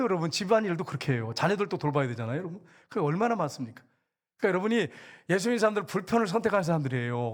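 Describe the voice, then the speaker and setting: A middle-aged man preaching a sermon as pastor, in a lively, conversational style that acts out little quotes. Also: high-pitched.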